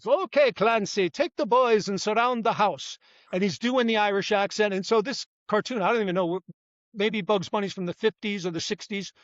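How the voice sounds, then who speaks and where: Speaking as a guest in a conversational interview, a retired police detective, an older man, wanders through his answers and keeps correcting himself. His high-pitched voice has a fairly bright tone, and the audio is dull with no echo.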